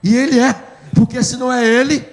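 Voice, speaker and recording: Emphatic, gravelly Brazilian pastor. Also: male voice, very high voice, flat delivery, a little fast. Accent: Brazilian Portuguese. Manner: emotional storytelling, emphatic. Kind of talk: sermon. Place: church. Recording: echoey church hall.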